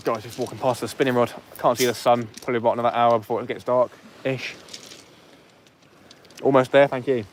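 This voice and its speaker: A man talks casually into his phone while fishing on a beach near dusk. He jokes and banters with his live viewers in an easy, mid-pitched voice. A faint hiss of open-air noise sits under his voice. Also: steady tone, fairly quick. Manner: jokey, chatty, banters with viewers. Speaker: fishing livestream host. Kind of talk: casual live commentary to chat.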